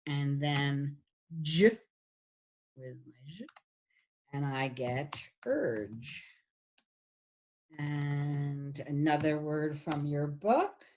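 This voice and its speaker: A woman's voice: low voice, a little hiss or hum. A woman giving a recorded phonetics lecture, patiently demonstrating sounds while sharing her screen. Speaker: phonetics instructor.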